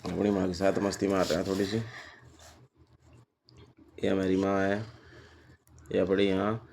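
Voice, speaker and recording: A man's voice: sits low, monotone, unhurried, creaky, a little mellow, a little hiss or hum. A man, a father chatting casually through a vlog and laughing often. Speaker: vlogger, father.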